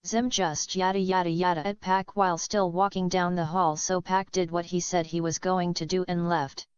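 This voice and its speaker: Woman reading a fan story, smooth voice. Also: fairly low pitch, little pitch movement, normal speed, no room sound. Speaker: narrator. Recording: dull lo-fi recording.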